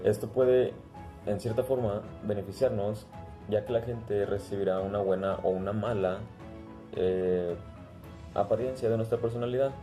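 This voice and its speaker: A man giving a class presentation, halting at times with pauses and restarts. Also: lowish voice, dark tone. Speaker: student presenter.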